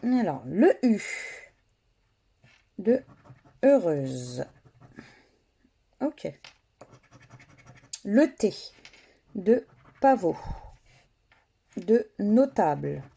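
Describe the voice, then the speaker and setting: A woman giving slow, methodical running commentary as she scratches lottery tickets, spelling out letters one by one. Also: medium pitch, sing-song, creaky, warm tone, breathy edge.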